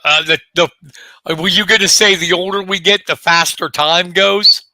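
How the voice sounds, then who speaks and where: A man's voice: high voice, fairly even intonation, moderate pace, sharp tone, dry recording. A man in his late fifties co-hosting a casual sports talk show, chatty and joking with rhetorical questions. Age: 50s. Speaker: co-host.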